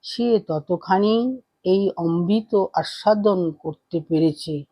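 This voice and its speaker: Man telling a devotional story, slow and reverent, dry close sound. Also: sits high, warm tone, dry recording.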